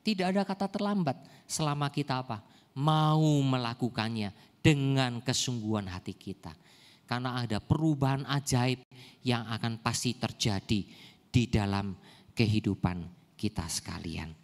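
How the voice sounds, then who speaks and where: An older male pastor with a mid-range voice delivers a sermon at a moderate pace during a church service. He frequently puts rhetorical questions to the congregation, and the recording carries the echo of a church hall.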